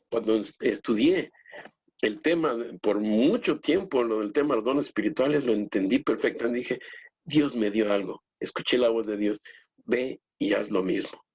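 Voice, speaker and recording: Earnest lay pastor, husky and lo-fi. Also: male voice, medium pitch, a little mellow. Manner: earnest, halting with many restarts, addresses the brethren directly. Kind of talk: church teaching talk. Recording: dull lo-fi recording.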